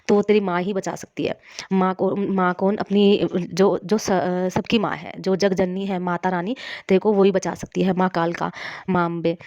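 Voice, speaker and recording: A middle-aged woman with a cough and a hoarse throat, earnestly giving a grateful devotional testimony with many restarts. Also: mid-range voice, warm tone, dry recording, lo-fi sound.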